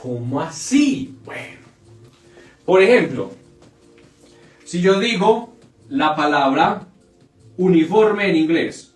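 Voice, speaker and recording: A man's voice: on the high side, animated, takes it slowly, long pauses, far from the mic. A man teaching a live online English grammar class, repeating example words over and over as he explains. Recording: echoey room, off-mic, faint music.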